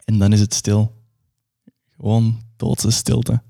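A man's voice: fairly low pitch, flat delivery, slow pace, vocal fry, warm tone. A young man performing a grandiose, absurdist dramatic monologue.

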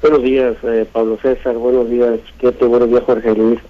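A man's voice: medium pitch, flat delivery, a little fast. Northern Mexican man, dull radio sound. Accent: northern Mexican, Sinaloan. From Sinaloa, Mexico. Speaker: political analyst on radio. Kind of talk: live election commentary.

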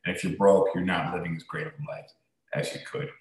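In a cavernous, echoing empty room, a male podcaster talks casually and bluntly, full of opinions and swearing. His voice sits low with a level tone, and he talks fast.

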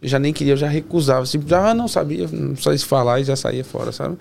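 A man guest on a podcast, explaining his travels in a relaxed, rambling way. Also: a little high, fast, creaky, a little hiss or hum. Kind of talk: casual podcast chat. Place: podcast studio.

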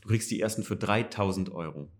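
Fast-talking man, enthusiastic car chat. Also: fairly low pitch. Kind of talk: casual chat.

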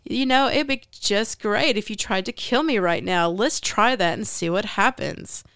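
Southern lady playing a fake jovial immortal spirit girl, higher pitched, smooth, influencer vibes. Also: unhurried, fairly bright tone, dry recording. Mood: breezy. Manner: fake jovial, social-media-star breeziness. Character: falsely cheery eternal female nature spirit.

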